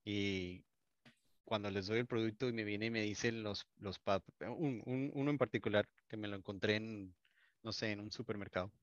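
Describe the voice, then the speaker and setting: Colombian man, low voice, videographer guest, chatty storyteller, dry muffled sound. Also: steady tone, normal speed, dry recording. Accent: Colombian Spanish. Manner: warm storytelling, many restarts. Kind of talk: casual interview chat.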